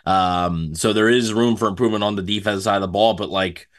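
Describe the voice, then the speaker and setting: A male co-host talks through a game casually in a fairly low voice. His delivery is loose and halting, like unscripted conversation. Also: steady tone. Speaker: sports podcast co-host. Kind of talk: casual post-game analysis chat.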